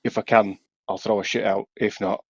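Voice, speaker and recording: A man's voice: fairly low pitch, flat delivery, moderate pace, no echo. A man with a broad Yorkshire accent co-hosting a podcast, telling rambling stories in casual banter. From Yorkshire, England. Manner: chatty, rambling storyteller. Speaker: podcast co-host. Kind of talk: casual pub-banter chat. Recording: dry, slightly dull podcast audio.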